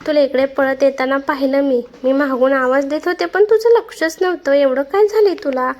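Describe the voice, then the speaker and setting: A woman's voice: sits high, moderate pace, darkish tone, close to an everyday voice. A woman voicing a caring young woman roommate who asks soothing, concerned questions.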